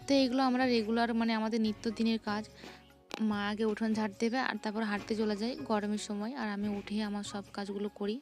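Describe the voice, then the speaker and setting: A woman's voice: mid-range voice, little pitch movement, fast, darkish tone, soft background music. A young woman, narrating her morning chores in a chatty home vlog. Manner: chatty, describing chores as she goes. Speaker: vlogger.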